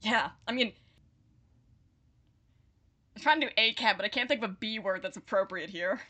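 A woman co-hosting a podcast in casual book chat, wry and riffing quickly, swearing freely. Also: mid-range voice, sharp tone. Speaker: podcast co-host.

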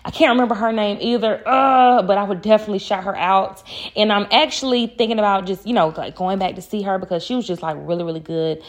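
A woman's voice: mid-range voice, fairly even intonation, quick pace. A woman talking casually and earnestly to her viewers about faith, often repeating key phrases for emphasis. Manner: speaks directly to viewers as "y'all". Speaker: faith vlogger. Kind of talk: casual faith-based encouragement talk.

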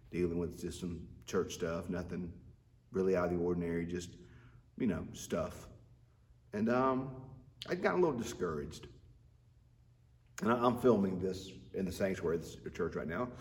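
A man's voice: deep voice, normal speed, pauses often. Male pastor, reflective and earnest, cathedral echo around a distant mic. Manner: earnest, reflective, with frequent restarts. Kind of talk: filmed devotional reflection. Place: inside a church sanctuary. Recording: echoey sanctuary, mic far off.

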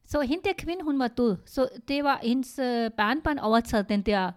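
Middle-aged mom, kinda high voice, stops to hunt for words a lot. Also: female voice, clean tone. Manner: halting, searching for words, switching languages. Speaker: podcast co-host, mother. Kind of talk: casual family chat.

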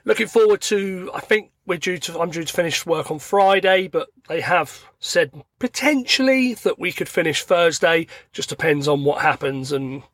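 A middle-aged man, croaky and tired from illness, rambling chattily as he hosts a podcast from his parked car. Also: on the high side, animated, moderate pace, few pauses, a bit bright, no echo. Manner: rambling, chatty, acts out everyday dialogue. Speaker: podcast host. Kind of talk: casual solo podcast monologue. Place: parked car at a motorway services.

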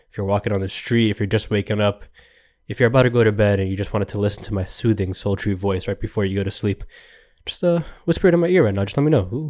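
A young man hosting a solo podcast, rambling and joking in an animated, exasperated rant. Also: lowish voice. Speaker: podcast host. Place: New York.

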